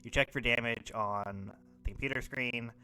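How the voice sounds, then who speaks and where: A man's voice: mid-range voice, fairly even intonation, normal speed, sharp tone, clean tone. A man narrating a tabletop role-playing game as game master, rambling with many fillers.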